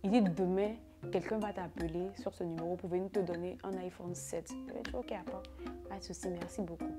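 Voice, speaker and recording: A woman's voice: fairly low pitch, fairly quick. A young woman tells a casual storytime, repeating words and filling gaps with "là" and "genre". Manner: animated, repetitive retelling with fillers like "là" and "genre". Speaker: vlogger. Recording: background music under the voice.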